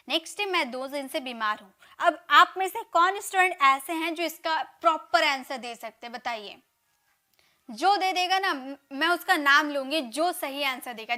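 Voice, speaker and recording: Woman, English teacher, high voice, bright, quick drills, slow model sentences. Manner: drills sentences, urges students to answer quickly; says English model sentences slowly and deliberately. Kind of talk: live online class, teaching in Hindi.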